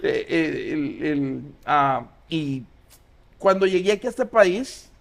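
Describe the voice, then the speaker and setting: Pastor guy in his 40s, kinda high voice, chatty interview, lots of eh's and pauses. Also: lively intonation, creaky, over a noisy crowd. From Honduras. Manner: reflective storytelling, many pauses and "eh" fillers. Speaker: pastor, guest. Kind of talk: casual interview.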